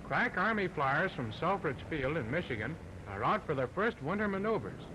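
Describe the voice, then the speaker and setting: A man giving brisk, upbeat narration on an old 1930s newsreel soundtrack. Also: fairly high pitch, big pitch swings, poor audio.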